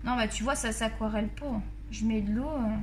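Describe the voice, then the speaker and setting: Sitting at her home desk with her face out of frame, an art vlogger trying out colored pencils jokes around casually with her viewers in a Marseille accent. Her voice is fairly high and steady, and she talks fairly quickly over slight background noise.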